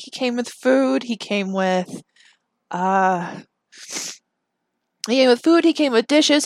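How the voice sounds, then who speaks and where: A woman's voice: on the high side, no echo, studio quality. A young woman hosting a podcast, telling a personal story in a chatty, self-deprecating way that turns emotional at times. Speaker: podcast host. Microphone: camera mic.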